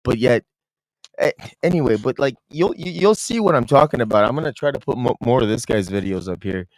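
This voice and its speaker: A young male streamer talks loosely and mockingly, often breaking into laughter mid-thought. His voice sits at an ordinary pitch, and the sound is close and dry with no room echo. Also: expressive, brisk. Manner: mocking, laughs a lot, rambling with restarts. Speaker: streamer host. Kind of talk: casual streaming commentary.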